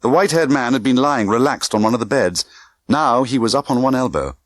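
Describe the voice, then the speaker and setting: Reading slightly fast in an expressive, medium-pitched voice without echo, the narrator performs scripted spy thriller narration. Short, clipped phrases keep it tense and theatrical.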